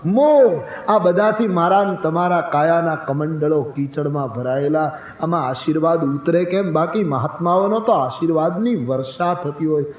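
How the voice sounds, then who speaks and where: Man, emphatic katha storyteller, high pitch, echoey dull sound. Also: slight background noise. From Saurashtra, India. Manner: animated, emphatic, chants verses slowly. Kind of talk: devotional storytelling sermon. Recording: echoey, dull, faint ambience.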